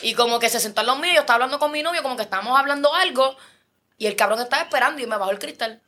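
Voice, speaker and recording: Fast, bright-voiced Puerto Rican woman. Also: sits high. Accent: Puerto Rican Spanish. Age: 20s. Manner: animated storytelling full of slang fillers. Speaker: podcast host. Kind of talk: casual chat.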